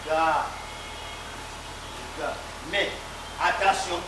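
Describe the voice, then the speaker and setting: A man's voice: a little high, steady tone, extremely slow. A man from the Democratic Republic of the Congo teaching a Hebrew class at a university, coaxing students with repeated questions and prompts. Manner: repetitive, coaxing, quizzes students. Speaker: Hebrew lecturer. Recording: echoey noisy classroom from far off.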